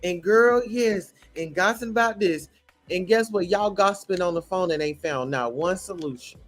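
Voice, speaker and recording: High-voiced man ranting blunt commentary. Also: moderate pace, a bit bright. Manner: blunt, profane, preachy. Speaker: show commentator. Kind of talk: reaction commentary rant.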